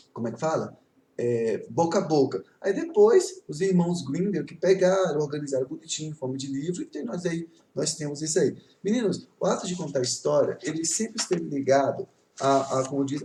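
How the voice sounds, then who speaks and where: A man's voice: mid-range voice, dark tone, a little hiss or hum. A male teacher with a Brazilian Portuguese accent telling stories in a chatty, rambling way to his class, often checking in with his students. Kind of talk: casual online class storytelling. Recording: echoey room, voice from a distance.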